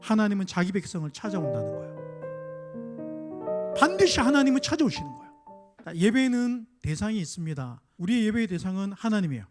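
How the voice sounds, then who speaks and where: A middle-aged male pastor preaching a sermon, emphatic, voicing quoted mockers with drama and dropping to a soft, confiding tone for personal stories. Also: high-pitched, very animated, fairly quick, music in the background. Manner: drops to a soft confiding tone when telling a personal story.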